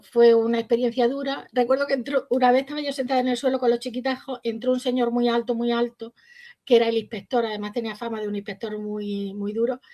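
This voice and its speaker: A woman's voice: a little high, a little mellow. A middle-aged woman teacher, reflectively recounting her career in an interview and acting out quoted dialogue. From Spain. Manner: storytelling, acts out quoted dialogue. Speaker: primary school teacher.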